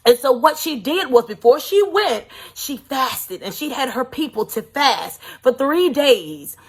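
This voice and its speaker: A woman's voice: high-pitched, very animated, measured pace, breathy edge. A woman preacher retelling a Bible story in an emphatic sermon, with rhetorical questions to her listeners.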